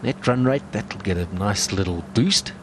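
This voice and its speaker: A man's voice: on the low side, lively intonation, normal speed. A man giving live play-by-play cricket commentary. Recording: loud outdoor and vehicle noise.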